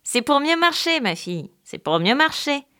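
A woman's voice: high voice, big pitch swings, moderate pace, bright, forceful tone, pitched above the performer's own voice, heavily acted. A woman doing a wicked man faking a grandmother. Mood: plaintive, coaxing. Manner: plaintive, wheedling. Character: ugly wicked man posing as a sick grandmother.

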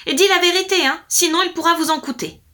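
A woman voicing a harsh, domineering male lord in a storybook reading, with stern shouting. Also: extremely high pitch, fast talker, voice pushed up. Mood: angry, harsh.

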